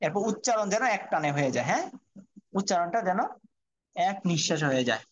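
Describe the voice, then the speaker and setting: A man's voice: high-pitched, animated, fast talker, muffled recording. A man teaching Quran reading online, patiently spelling out Arabic letters and drilling each sound.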